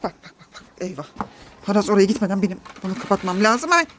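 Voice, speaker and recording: A woman's voice: mid-range voice, lively intonation, fast talker, very noisy. A woman filming a family vlog outdoors in a garden, coaxing and scolding her children and laughing often.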